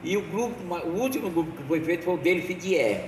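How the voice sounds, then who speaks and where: A man's voice: high-pitched, lively intonation, fast. A man tells local history in a loose, rambling way, often restarting and correcting himself. His voice is heard from a distance in a reverberant, roomy space. A faint noise runs underneath. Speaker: local storyteller. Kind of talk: oral history storytelling.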